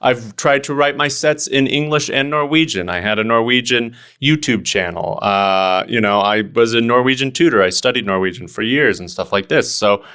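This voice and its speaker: A podcast guest and stand-up comic from Oregon, this young man has a clear, resonant, pushed and bright medium-pitched voice. He talks at normal speed with few pauses, casually and earnestly, though he uses lots of fillers and restarts.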